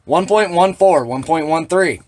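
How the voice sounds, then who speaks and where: Guy showing off his reloading setup, plain talk, bit of a higher voice, dry sarcasm now and then. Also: unhurried, a little mellow. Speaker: shotgun reloading demonstrator. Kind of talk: hands-on equipment demonstration.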